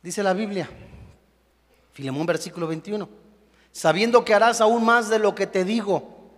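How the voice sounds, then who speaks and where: A young adult man preaching a sermon as a pastor, animated, acting out the voices of the people he quotes. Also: sits high, normal speed. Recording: long hall reverb.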